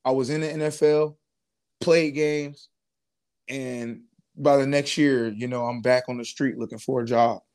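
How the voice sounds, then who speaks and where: A man's voice: mid-range voice, a little slow, smooth. Laid-back young man telling his story. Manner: relaxed, casual slang, many fillers and restarts. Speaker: guest, former pro football player. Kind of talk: casual interview storytelling.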